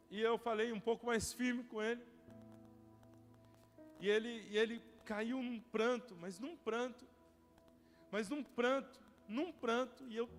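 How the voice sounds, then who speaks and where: A young male pastor with a Brazilian Portuguese accent preaching a sermon, telling stories with strong feeling and swinging from loud cries to hushed whispers. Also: very high-pitched. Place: church hall. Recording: church hall reverb with soft music.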